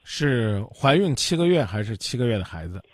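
A man's voice: medium pitch, very animated, normal speed, dry recording. A man hosting a radio call-in show, asking direct questions and steering the caller. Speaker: radio advice host.

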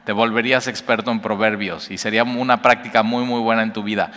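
A man's voice: fairly low pitch, steady tone, fast, sharp tone. A man giving an informal devotional Bible teaching. He talks in a conversational way, with frequent filler sounds, and acts out everyday scenes. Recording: long reverb, hall-like room.

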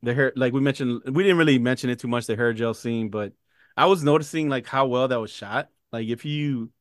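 A man's voice: mid-range voice, brisk, no room sound, clean studio sound. A man co-hosting a movie podcast, rambling through casual chat with lots of fillers and casual swearing. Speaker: podcast co-host.

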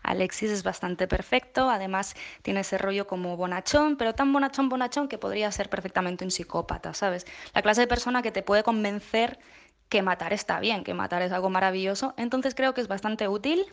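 A woman guest giving a playful, rambling, deadpan comic answer. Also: medium pitch, fairly quick. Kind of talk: recorded comedic answer.

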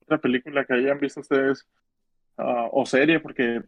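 Co-hosting a podcast, a man with a northern Mexican accent chats casually in slang about films and music, rambling and repeating his phrases. His voice is mid-range with a steady tone and moderate pace, and the recording is dry.

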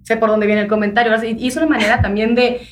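A woman's voice: a little high, level tone, racing, slight background noise. Mexican woman telling stories on a podcast. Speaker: podcast host. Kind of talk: casual chat.

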